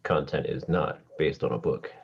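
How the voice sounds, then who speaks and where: A man's voice: rumbling low, fairly even intonation, moderate pace, creaky, breathy edge, lo-fi sound. A man as a guest on a podcast, answering in laid-back, brief casual chat.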